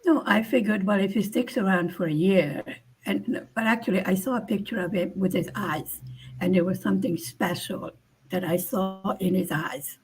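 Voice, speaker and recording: An older woman with a medium-pitched, darkish voice at normal speed hosts a casual live chat on her channel. She speaks bluntly, laughs often, and acts out quoted lines.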